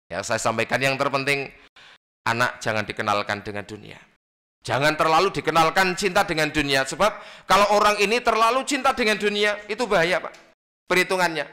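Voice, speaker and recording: A male Islamic preacher giving a lively sermon, acting out little dialogues. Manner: lively, acts out little dialogues with big pitch swings. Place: radio studio or mosque gathering.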